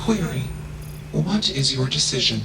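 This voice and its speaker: A cold emotionless AI voice, flat monotone, gravelly, distant and roomy, noisy game audio. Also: male voice, mid-range voice, unhurried. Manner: flat, emotionless monotone, labels each statement before speaking. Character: emotionless male AI mind, cold and logical. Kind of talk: video game dialogue.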